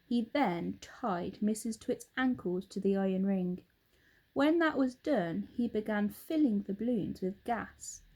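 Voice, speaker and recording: A woman narrating a children's story aloud in an expressive storytelling style. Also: medium pitch, measured pace, low-quality recording. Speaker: storybook reader.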